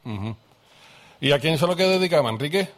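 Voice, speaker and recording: A man's voice: fairly high pitch, expressive, fairly quick. Man hosting a radio call-in. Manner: chatty, familiar, interjects "ajá" often. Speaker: radio host. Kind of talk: casual live call-in chat.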